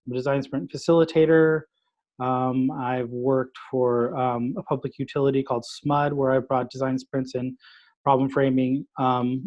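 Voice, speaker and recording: Man, product designer, video call, measured, monotone, muffled. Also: medium pitch. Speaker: product designer, former teacher. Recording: dull video call audio.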